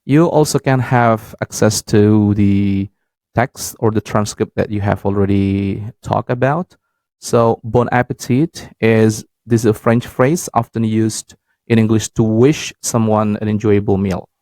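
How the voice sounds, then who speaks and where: A young man with an Indonesian accent, hosting a podcast in a halting, casual way and laughing easily. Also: fairly low pitch, fairly even intonation, mellow, no echo. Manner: hesitant, many fillers and restarts, laughs easily. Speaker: podcast host and English learner. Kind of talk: casual practice talk.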